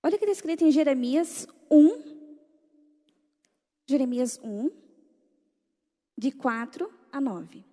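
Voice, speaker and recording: High, mellow-voiced woman preaching in a hall. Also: takes it slowly, long pauses. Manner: animated, rhetorical questions to the audience. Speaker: speaker at a church gathering.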